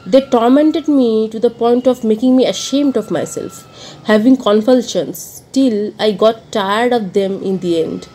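A woman reading a first-person novel aloud as an audiobook, expressive and dramatic, moving between rueful murmurs and emphatic outbursts. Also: a little high, a little slow, rough recording. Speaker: audiobook reader.

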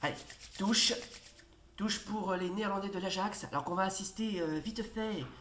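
A woman hosting a football video game let's play, commentating excitedly, shouting at the referee and hesitating often. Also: mid-range voice, normal speed. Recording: roomy echo, faint noise.

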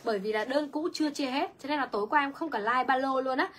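A young woman runs a clothing sales livestream in a high, bright voice. She talks very fast with a slightly husky edge and keeps reading out viewer comments between pitches. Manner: chatty, rapid, reads viewer comments aloud. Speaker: online clothing seller.

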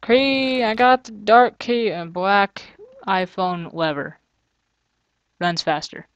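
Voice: mid-range voice, slow pace, fairly bright tone, highs cut off. A gamer giving casual let's-play commentary, thinking aloud, grumbling and joking sarcastically. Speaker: gamer playing through a custom map.

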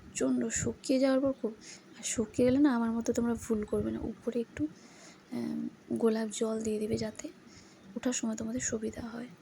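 A woman giving a casual beauty tutorial at home in the early morning, speaking softly and often whispering so as not to wake anyone. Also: a little high, level tone, brisk, gravelly, slight background noise. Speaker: beauty vlogger.

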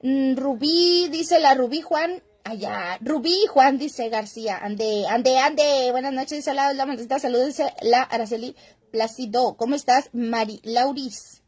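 Woman, gossip streamer, high bright voice, chatty, laughs easily, reads out chat. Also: measured pace, breathy edge. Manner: chatty and gossipy, greets viewers by name, laughs often. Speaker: gossip livestream host. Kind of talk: casual livestream chat reading viewer comments.

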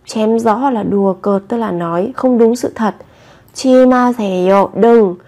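Clear woman teaching Korean phrases. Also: on the high side, normal speed, warm tone. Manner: models each Korean phrase twice, then explains it patiently. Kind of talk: language lesson, repeating phrases slowly.

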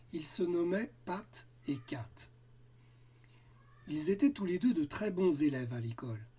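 A man narrating a children's cartoon tale in a slow, gentle storytelling manner with dramatic pauses. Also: on the high side, breathy edge.

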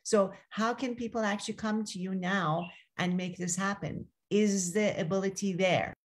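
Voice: mid-range voice, fairly even intonation, normal speed, slight background noise. Enthusiastic online panel moderator, hesitant with fillers, long questions.

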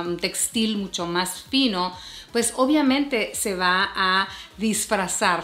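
Her voice on the low side, a woman in her 40s gives chatty fashion advice to the camera from her bedroom, addressing viewers as "hermosas." She is a fashion and beauty vlogger sharing warm, casual tips while seated in front of a bed. The camera frames her at the chest, and the room adds a spacious echo.

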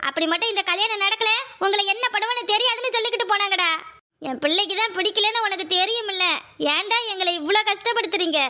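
A woman's voice: extremely high pitch, pushed and bright. A woman voicing an older village mother in a cartoon, frightened for her daughter and fierce toward the family she blames, in a southern Tamil Nadu dialect. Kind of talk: cartoon voice acting.

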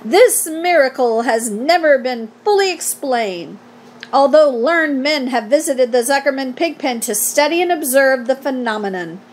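Woman putting on a pompous, high-pitched fairground announcer. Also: animated, unhurried. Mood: pompous, proud. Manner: pompous, formal, grandly declamatory. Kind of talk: storybook read aloud.

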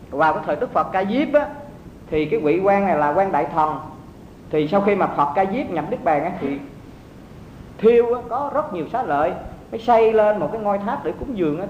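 A man, a Buddhist monk, teaching a group of monks in a dharma talk, telling stories and asking his listeners if they follow. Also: a little mellow. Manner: storytelling, asks listeners to check understanding. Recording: roomy, dull, faint rumble.

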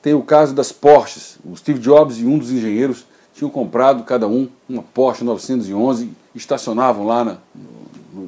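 A man's voice: mid-range voice, warm tone. A man in his forties hosting a daily tech news video from his home office, talking informally and gesturing, recorded on a desk webcam.

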